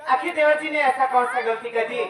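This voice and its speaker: A woman's voice: sits high, fairly quick, natural voice. A woman playing a young woman earnestly pleading on a folk theatre stage. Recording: distant echoey live stage recording. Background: crowd and music.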